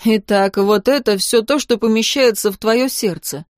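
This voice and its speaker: An insistent, wounded young man with a cold edge, pressing his point low and firm, as a woman narrator voices him. The recording is dry and close, with no room sound. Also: normal speed, no echo, close to an everyday voice. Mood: quietly explaining.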